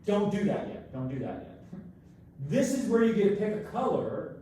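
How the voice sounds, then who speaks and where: A man's voice: high-pitched, sing-song, normal speed, warm tone. A man teaching a live online math class. He repeats each instruction and sounds like he is in an echoing tunnel because he is far from the camera mic. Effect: echoing tunnel-like sound from a distant camera mic. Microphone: built-in camera microphone across the room. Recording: very echoey room, far from mic, faint noise.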